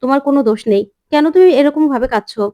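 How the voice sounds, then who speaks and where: A woman narrator voicing a desperate, determined young mother from a serial drama, insistent and pleading. Her voice sits a little high. She repeats herself for emphasis. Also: lively intonation, very fast, mellow.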